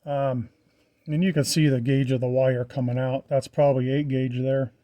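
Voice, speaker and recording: A vlogger shows off his truck wiring project in a casual, plainspoken walkthrough, informally pointing things out as he goes. His voice is medium-pitched and dark, with a level tone at normal speed.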